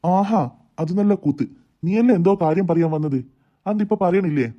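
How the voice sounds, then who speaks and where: A man's voice: high-pitched, muffled recording, natural voice. A man voicing a teasing, stingy father and husband in a cartoon. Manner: teasing, brisk.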